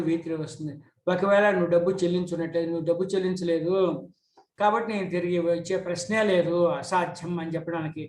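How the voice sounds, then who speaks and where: A middle-aged man who speaks Telugu as his first language teaches English grammar. He reads English examples slowly, then explains them quickly. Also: sits high. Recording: echoey room.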